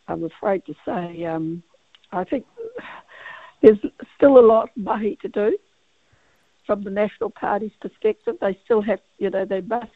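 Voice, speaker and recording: Croaky New woman on the phone. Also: medium pitch, dry recording. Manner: agreeable, hesitant with many fillers. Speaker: caller. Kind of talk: casual radio chat. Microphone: telephone. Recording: tinny phone line.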